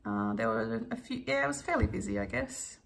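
Chatty woman with a gravelly creak. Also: medium pitch, huge pitch swings, brisk, slight background noise. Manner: chatty, laughs often, frequent ums. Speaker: cross stitch vlogger. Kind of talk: casual storytelling while stitching.

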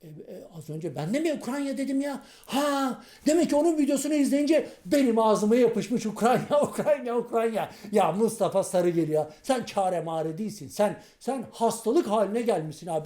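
A man's voice: high voice, warm tone, reverberant. A man playing a muddled, indignant man-on-the-street in a comic monologue, rambling, tripping over his words and scolding as he goes. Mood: flustered. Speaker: comedian playing a street character.

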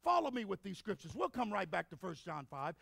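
A male revival preacher with a strikingly high, gravelly voice that leaps wildly in pitch. He swings from shouted fervor to hushed storytelling and stutters repeated words as he builds. The sound is dry and close. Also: very animated, brisk, dry recording. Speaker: evangelist preacher. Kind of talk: revival sermon.

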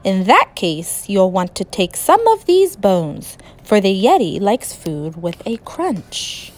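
A woman's voice: medium pitch, sing-song, takes it slowly, voice pushed down. A woman voicing a grumpy, indignant female monster who scolds in an offended tone.

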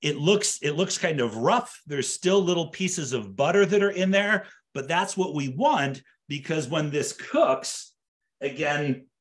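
Expressive and measured, a slightly high-voiced man in his fifties leads a live online cooking lesson in his home kitchen. He keeps it conversational, going over explanations again and rephrasing them as he works.

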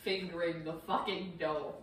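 A woman's voice: on the low side, steady tone, moderate pace, fairly bright tone, a little hiss or hum. A young woman making snarky jokes while friends cook. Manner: snarky, laughing. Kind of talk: casual chat while cooking. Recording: echoey kitchen from far off with chatter.

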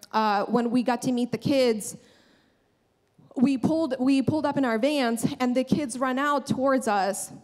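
A woman's voice: on the high side, darkish tone. A young woman giving an earnest, conversational sermon on a church stage, speaking into a handheld microphone and often restarting her sentences. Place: large church stage, indoors.

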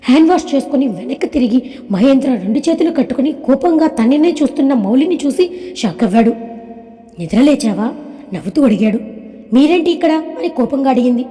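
A woman with a high voice reads a family drama aloud, slipping into each character with a light change of tone. Her voice is mellow and soft at the edges. It rings with a long reverb, as if read in a large echoing room. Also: lively intonation, fast talker. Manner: voices all characters herself with small pitch lifts. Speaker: story narrator.

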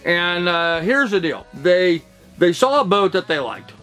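This middle-aged real estate broker has a high, very animated voice with a sharp tone and a measured pace, backed by soft music. Talking casually to camera from a cluttered home office, he rambles with many fillers and restarts in a talking-head vlog.

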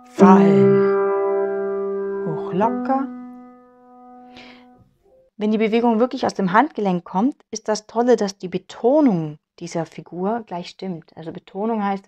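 Piano plays behind a woman with a German accent and a medium-pitched voice as she teaches piano, patiently explaining and demonstrating at the keyboard. The audio sounds dull.

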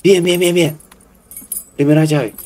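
A man's voice: on the high side, fairly even intonation, a little slow. Jumpy young Colombian man gaming. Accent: Colombian Spanish. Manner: jumpy, yelps and swears at scares, hushes himself. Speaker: gaming streamer. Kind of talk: horror game let's play commentary.

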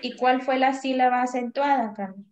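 A woman's voice: high-pitched, moderate pace, muffled recording, background noise. A woman teaching a primary class over a video call, patiently calling on pupils by name and drilling syllables. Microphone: video call microphone.

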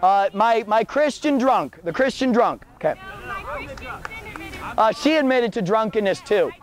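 A man preaching loudly outdoors on a college campus as a street preacher, declamatory and confrontational. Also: sits high, expressive, measured pace. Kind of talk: open-air street preaching.

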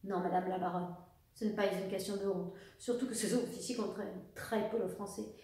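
A tall, composed male officer, as a woman reads him out in a storybook, talking low and measured and holding himself in check. The reading rings through a very echoey room. It comes from some distance from the mic. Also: fairly even intonation, dark tone, close to an everyday voice. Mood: calm. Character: Norwegian officer, a man, tall, calm and controlled.

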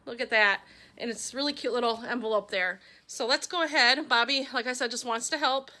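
A middle-aged vlogger from Wisconsin, USA, chats casually while opening fan mail, gushing and talking to her pet along the way. Her voice is on the high side, a little fast, pushed and bright.

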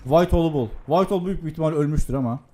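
A young man casually commenting on his own gameplay, excitable and talking to himself with frequent exclamations. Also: a little high, rapid-fire, slight background noise.

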